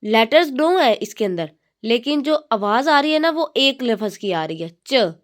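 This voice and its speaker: A woman teaching a lesson, patiently explaining, sounding out letters slowly and using many fillers. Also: a little high, lively intonation. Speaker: English teacher. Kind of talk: explaining lesson in Hindi-Urdu.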